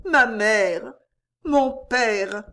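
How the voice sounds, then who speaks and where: A man's voice: very high-pitched, drawn-out words, sharp tone, pitched above the performer's own voice, exaggerated voice. A man voicing an overwhelmed young woman in an audiobook, with a raised, tearful, pleading voice. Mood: grieving. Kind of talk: audiobook character voice.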